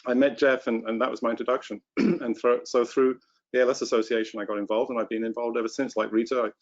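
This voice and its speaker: A man's voice: medium pitch, flat delivery, quick pace, highs cut off. British man telling anecdotes as a guest. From England. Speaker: stem cell scientist guest. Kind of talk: conversational interview answer.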